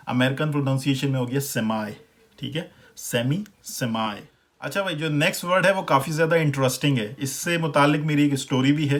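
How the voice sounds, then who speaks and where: A man with a Pakistani accent teaches pronunciation in a relaxed, chatty way. He repeats each word slowly so the listener can compare the two versions. His voice sits at an ordinary middle pitch for a man. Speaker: language teacher. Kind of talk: casual explanatory lesson.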